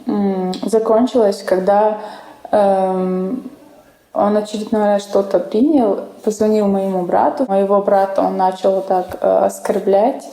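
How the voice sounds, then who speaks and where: Woman, 20s, very dark tone, fry, echoey room. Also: medium pitch, steady tone, measured pace. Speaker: interviewee. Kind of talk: testimony interview.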